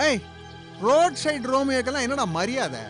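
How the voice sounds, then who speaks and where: A furious, protective middle-aged father; high, animated, threatening; serial drama with music. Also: moderate pace. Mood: scolding. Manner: scolding, threatening, contemptuous. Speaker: strict father guarding his daughter. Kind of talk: TV serial acting.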